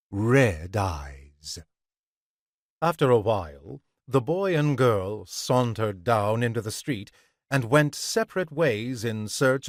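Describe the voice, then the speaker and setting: A man reads a crime short story aloud in a measured, unhurried way. His pace is slow and deliberate. The recording is dry and close. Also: lowish voice, no echo. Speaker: podcast reader of short stories.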